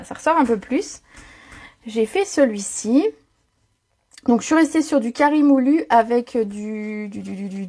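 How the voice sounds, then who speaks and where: Speaking in a fairly high and slightly mellow voice, a woman runs a live card-making tutorial from home with her own mic. Her talk is full of fillers and friendly chatter as she welcomes viewers by name mid-demonstration.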